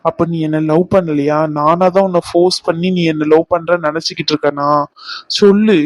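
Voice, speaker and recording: A man's voice: on the high side, steady tone, fairly quick, no room sound, lightly acted. A man voicing an insistent, devoted young man in a cartoon, demanding answers. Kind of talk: cartoon voice acting.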